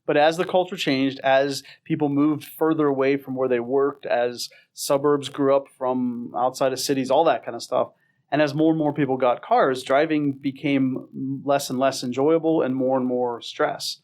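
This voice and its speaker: A man's voice: medium pitch, fairly even intonation, moderate pace, darkish tone. A middle-aged man co-hosting a podcast in casual chat, joking wryly at his own expense. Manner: wry, self-mocking joker. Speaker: podcast co-host.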